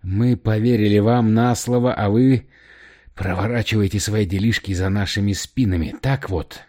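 Furious commanding leader, raised accusing voice, dark low tone, read by a male narrator; audiobook. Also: steady tone, normal speed, close to an everyday voice. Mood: angry. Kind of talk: audiobook character voice.

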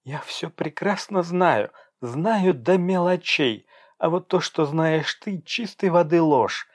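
Audiobook: male narrator playing a shrill, defiant young woman, pitched well up. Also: expressive, takes it slowly. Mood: desperate. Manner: shrill, agitated. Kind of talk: audiobook character voice.

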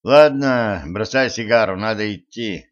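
A man reading a stern, sarcastic immortal man who speaks slowly and low, with dry humor. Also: highs cut off, close to an everyday voice. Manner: slow, low, dryly mocking.

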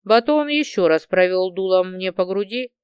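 A woman narrating a first-person crime novel in an even storytelling voice. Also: mid-range voice, normal speed, smooth, dry recording, studio quality. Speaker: audiobook narrator.

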